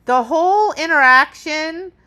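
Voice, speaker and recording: A woman dog trainer walks through a training demonstration, explaining every step and checking in with "right?" along the way. Her voice sits high and sounds sharp, and she takes her time.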